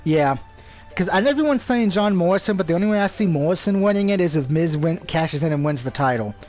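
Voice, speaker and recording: On a live game stream, a man with a speech impediment rambles and swears through casual commentary, opinionated on every topic. He talks fast in a high-pitched, expressive voice with a darkish tone, over soft background music.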